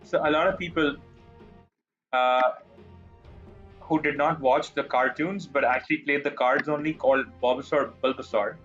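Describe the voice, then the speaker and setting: Chatty male streamer with a bright voice. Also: fairly high pitch, fairly even intonation, normal speed, long pauses, dull audio, faint music behind. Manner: chatty, rambling, self-deprecating. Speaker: gaming streamer. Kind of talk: casual live-stream chat while gaming.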